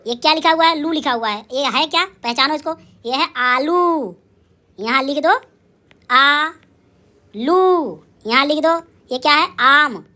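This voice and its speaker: A woman teaching young children in a lively recorded lesson. She asks and answers her own questions, sounds out syllables slowly, and calls out cheerful praise. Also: sits high. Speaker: primary school teacher.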